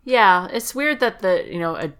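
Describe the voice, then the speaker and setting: A woman's voice: mid-range voice, animated, moderate pace, fairly bright tone, smooth. A woman co-hosting a casual podcast chat, thinking aloud with fillers and laughing easily. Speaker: podcast co-host.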